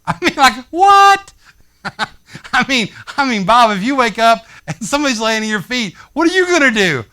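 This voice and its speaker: Bright, high-voiced male pastor preaching. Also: moderate pace. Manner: animated, conversational, talks straight to the congregation. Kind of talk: sermon. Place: church sanctuary.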